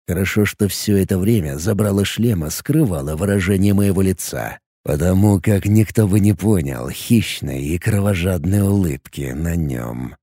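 A male narrator reads a fantasy audiobook with an expressive delivery. His voice is low and mellow, and its pitch moves a lot. The recording is close and dry. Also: no room sound.

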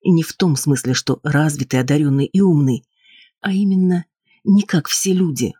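A man's voice: on the high side, moderate pace, breathy edge, no room sound, studio quality. A man reading an audiobook, voicing a worried, insistent wife who argues with her husband. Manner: pleading, sharp and defensive. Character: anxious, insistent wife, adult woman.

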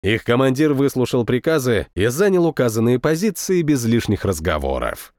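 Male narrator, lively pitch, dry close sound. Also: normal speed, no echo. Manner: matter-of-fact military storytelling. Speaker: audiobook narrator. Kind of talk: first-person audiobook narration.

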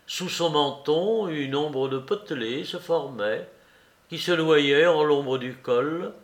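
A man reading a classic novel aloud as audiobook narration, measured and expressive. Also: fairly high pitch. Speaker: audiobook reader.

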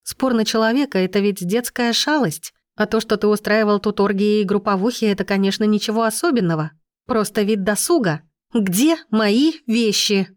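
A woman reading an audiobook, voicing an indignant, sharp-tongued young woman who hisses sarcastic retorts, in a dry, close recording. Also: mid-range voice, brisk, no room sound, voice pushed up, close to an everyday voice. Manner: hissing, sarcastic outbursts.

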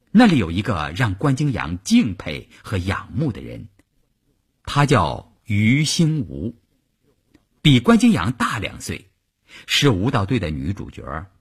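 A man reading an audiobook with animated storytelling. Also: fairly low pitch, breathy edge. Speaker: narrator. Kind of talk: audiobook narration.

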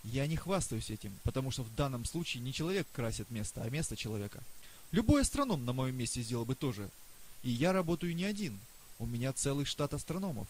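Man reading as old male professor, boastful, excitable, raised pitch, faint hiss. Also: natural voice, rough recording. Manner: lively, boastful, rapid questioning.

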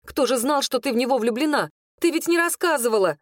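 A woman's voice: animated, fast, no echo, studio quality. A woman reading an audiobook, voicing a jealous, accusing young serving girl. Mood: angry. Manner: accusing, shrill and tearful. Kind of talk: audiobook character voice.

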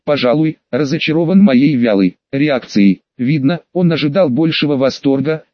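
A man's voice: mid-range voice, moderate pace, no room sound, muffled recording. A man narrating a fantasy audiobook in the first person, with a wry, ironic manner.

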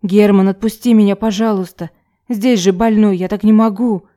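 A scared young nurse speaks in a shaky, breathy whisper, pleading and squeaking a little higher when she protests, as a woman reader puts her on. Her voice stays soft and mellow. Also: steady tone, moderate pace, natural voice.

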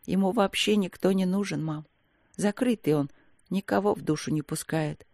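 A reader voicing a quiet, restrained woman army captain who answers her mother calmly and firmly, in an audiobook. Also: mid-range voice, normal speed, gravelly, no echo, studio quality, close to an everyday voice.

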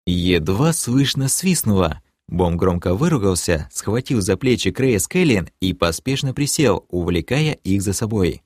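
A man narrating a fantasy audiobook in first person, dramatic and lively, breaking into shouted lines. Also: deep voice, a little slow, few pauses, no echo, clean studio sound. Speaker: audiobook reader.

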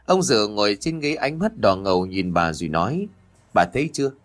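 A man narrating a ghost story in a dramatic, expressive reading style, over faint background music. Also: fairly low pitch, normal speed.

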